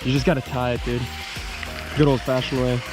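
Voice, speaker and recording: An American snowboarding vlogger from Northern Virginia talks casually to camera, mostly outdoors on a rainy ski slope, in slangy frat-bro style while hyping up his buddy. His medium-pitched voice is level and fairly quick, heard over music.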